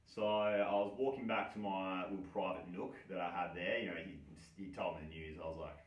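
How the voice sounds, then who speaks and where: A man who hosts his own story series tells a casual first-person story about himself, slangy, sweary, wry and self-mocking. His low, steady voice moves at a moderate pace, lo-fi, in an echoey room and distant from the mic.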